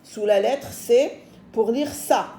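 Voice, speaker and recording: A woman's voice: fairly high pitch, slow pace, warm tone, echoey room, slight background noise. A woman with a French accent, teaching a phonics lesson to young children, patiently repeating words and syllables.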